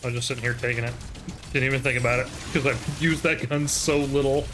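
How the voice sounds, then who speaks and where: A man narrates a game run with sarcastic, deadpan jokes, often breaking into laughter. His voice sits mid-range with a faint hiss of room noise behind it. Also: mid-range voice, quick pace. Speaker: let's play narrator. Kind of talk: comedic game summary narration.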